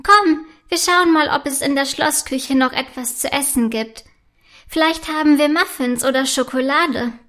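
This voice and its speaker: A lively little girl princess, as a woman storyteller plays her. She chirps in a high, girlish voice. She is curious and keen. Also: moderate pace. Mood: delighted.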